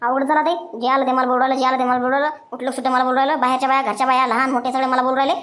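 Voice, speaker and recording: A woman's voice: high-pitched, flat delivery, fairly bright tone. A woman voicing a scheming, quarrelsome young village daughter-in-law in a cartoon story. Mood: angry scolding. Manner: quarrelsome, rapid, indignant. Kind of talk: cartoon voice acting.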